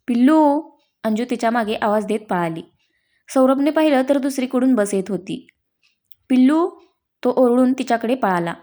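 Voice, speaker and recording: A woman reading a story aloud, narrating at an even pace and lifting her voice a little for the characters' lines. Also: on the high side.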